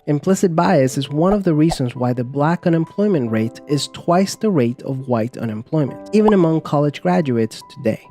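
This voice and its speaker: A man giving calm, measured, scripted narration for an explainer video. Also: on the high side. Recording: narration over music bed.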